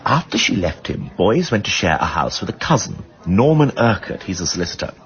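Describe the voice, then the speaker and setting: A male actor in a British radio drama plays a well-bred, insistent amateur sleuth with a plummy, upper-class English accent and a drily witty delivery. His fairly low voice is sing-song and brisk as he earnestly recounts events. The audio is dull.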